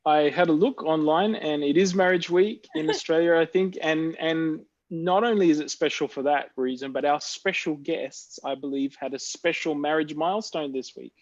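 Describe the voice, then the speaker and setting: A man co-hosting a live online talk show in a relaxed, dry way. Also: a little high, moderate pace, few pauses. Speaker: co-host. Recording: dull lo-fi sound.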